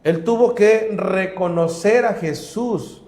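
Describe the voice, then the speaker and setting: A man with a fairly high voice speaks in a conversational sermon. He asks his listeners questions, and the studio sounds roomy and echoey. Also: slow pace, a little mellow. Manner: asks the audience questions and answers amen. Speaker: co-host pastor.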